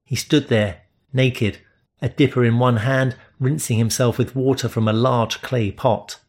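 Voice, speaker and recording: A man reading first-person romance narration in a steady, measured way. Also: mid-range voice. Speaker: audiobook narrator.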